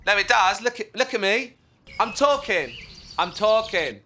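A giddy, bright gamer guy, high and bouncy, played in a hall. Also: lively intonation, unhurried, a little hiss or hum, exaggerated voice. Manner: giddy, childlike wonder. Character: excitable male gamer playing a giant woman avatar.

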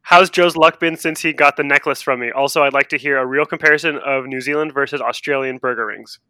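A man's voice: mid-range voice, fairly even intonation, fast, bright, forceful tone, clear, resonant tone, no echo. A man hosting a casual podcast, reading out listener questions and bantering with a jokey, mock-grandiose manner. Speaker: podcast host.

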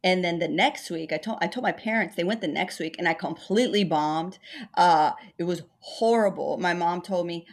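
A woman's voice: fairly low pitch, moderate pace. Chatty self-deprecating woman comedian. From Texas. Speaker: stand-up comedian. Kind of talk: casual storytelling interview.

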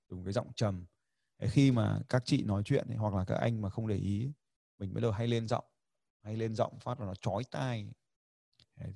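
A man's voice: on the low side, vocal fry, darkish tone, dry recording, studio quality. A man teaching a livestreamed lesson, chatty and demonstrative, acting out example lines and laughing often. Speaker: communication skills teacher. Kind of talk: livestreamed lesson addressing viewers.

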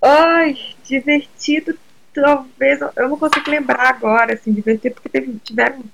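A woman's voice: sits high, steady tone, moderate pace, creaky, noisy background. A middle-aged woman from Brazil, a guest in a casual interview, talking hesitantly with many restarts and mixing in English words.

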